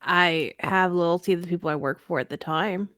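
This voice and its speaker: A woman player in a tabletop game, asking calm, direct questions in character. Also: on the low side, moderate pace, no echo, clean studio sound. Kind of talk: tabletop role-play.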